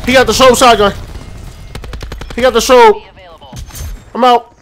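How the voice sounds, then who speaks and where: A young man giving excitable, trash-talking commentary over his own gameplay, often laughing. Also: very high voice, measured pace, soft background music. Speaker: gaming YouTuber. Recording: faint game gunfire behind. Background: gunfire.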